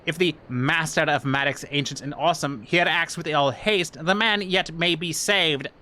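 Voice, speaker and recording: A man's voice: fairly high pitch, moderate pace, pushed and bright. A man voicing a stern, commanding elder from a video game, reading the dialogue theatrically. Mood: grave.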